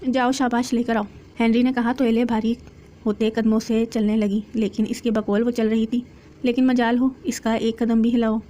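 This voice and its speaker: A woman reads a novel aloud as an audiobook, with a slightly high, mellow voice that stays flat and even. She reads the dialogue in the same plain voice and now and then repeats a word. A faint hiss sits under the recording. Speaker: novel reader. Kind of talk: audiobook narration of a romance novel.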